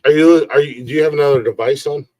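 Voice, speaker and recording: A man's voice: on the high side, fairly even intonation, quick pace, mellow, no echo. A man in his forties hosting a casual live-stream podcast, rambling, repeating himself and swearing freely. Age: 40s. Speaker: podcast host.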